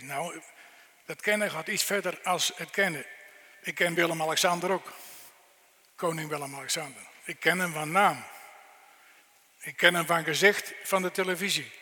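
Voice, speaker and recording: A man's voice: on the high side, pushed and bright. A middle-aged man preaching a sermon, asking the listeners earnest, direct questions. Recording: long reverb in a church hall.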